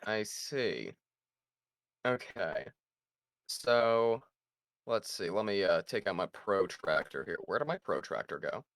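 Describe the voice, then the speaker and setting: A man's voice: on the low side, expressive, slow pace, long pauses, a bit bright. A man playing a tabletop game, joking with dry sarcasm. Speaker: player. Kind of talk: casual tabletop play.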